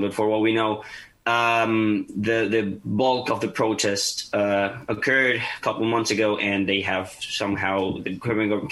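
Young guy from venezuela, bright voice, lots of uh and restarts. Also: lowish voice, poor audio. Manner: earnest, many fillers and restarts. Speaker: guest. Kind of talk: podcast interview.

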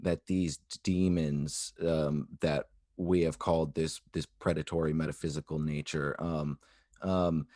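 A man with a very low voice talks through abstract ideas in a casual way. He goes slowly and tentatively, stopping to find words, in a dry, close recording. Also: steady tone, warm tone, no echo. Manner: halting, tentative, searching for words. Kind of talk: casual philosophical discussion.

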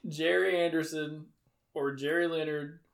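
An excitable young man with a somewhat high voice co-hosts a podcast. He tells stories in casual, animated chat and gets worked up easily. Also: measured pace, gravelly. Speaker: podcast co-host.

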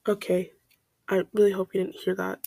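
A woman's voice: medium pitch, flat delivery, normal speed, vocal fry, dark tone, husky, no room sound. Giggly, rambling young woman podcaster. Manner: scattered, self-deprecating, laughs often. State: stuffed-up nose. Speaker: podcast host. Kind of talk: casual rambling monologue. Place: bedroom. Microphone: home mic.

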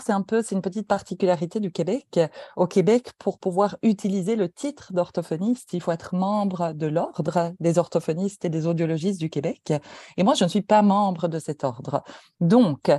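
A Belgian woman with a Belgian French accent talks as an interview guest, explaining her field in a mellow, somewhat low voice. She often restarts her sentences. The sound is dry and close. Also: breathy edge, no echo. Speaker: guest, speech therapy professor. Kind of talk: conversational interview.

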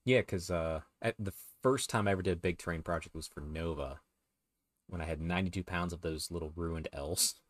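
A man co-hosting a podcast, chatting casually, rambling with restarts and quick laughs. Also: low-pitched, dry recording, studio quality. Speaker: podcast co-host. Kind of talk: casual chat.

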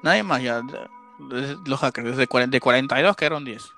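A man's voice: medium pitch, a little fast, gravelly, bright, forceful tone, faint music behind. Man retelling a film. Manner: retells a plot step by step, storyteller-like. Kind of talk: casual film recap.

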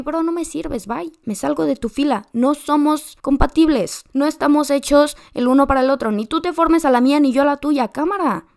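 A woman with a Mexican accent, hosting a podcast and giving direct, slangy advice straight to the listener. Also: high voice. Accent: Mexican Spanish. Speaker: podcast host. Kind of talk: motivational advice monologue.

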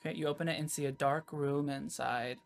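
A woman's voice: deep voice, fairly even intonation, fairly quick, vocal fry. A woman casually narrating a tabletop game as its game master. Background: faint music.

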